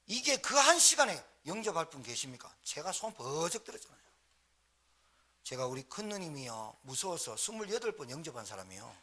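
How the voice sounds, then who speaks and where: Lively husky-voiced pastor preaching. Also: male voice, a little high, fairly quick. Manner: animated, fires rhetorical questions at the congregation. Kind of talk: storytelling sermon. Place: church sanctuary.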